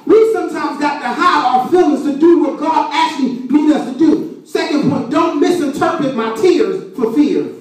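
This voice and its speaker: A woman's voice: high voice, normal speed, hardly any pauses. Woman preacher in an echoey hall. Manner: rising into shouted, sing-song preaching. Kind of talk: sermon. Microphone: phone camera from across the room. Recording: echoey church hall from far off.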